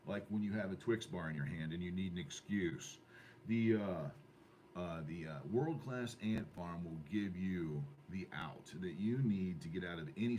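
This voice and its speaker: A man's voice: sits low, a little mellow. A man hosting an amateur radio club net in a casual, rambling, jokey way. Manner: jokey, with mock sponsor plugs. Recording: noisy ham radio room recording.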